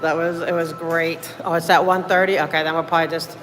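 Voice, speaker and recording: A woman with a low, level yet fairly bright voice talks quickly, with faint music behind her, on a noisy phone livestream. Filming city meetings from public building hallways and elevators, she chats casually, rambles, thinks aloud, and thanks viewers.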